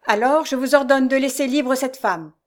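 A calm, imposing nobleman who gives orders with grave, solemn slowness, as a woman reading the story puts him on. The voice sits a little above the reader's own, somewhat louder. He sounds steady and authoritative throughout. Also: high voice, voice pushed up. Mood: commanding.

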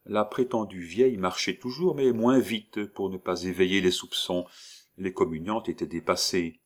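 A man reading a classic novel aloud in a measured storytelling manner. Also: low voice. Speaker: audiobook narrator. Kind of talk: scripted literary narration.

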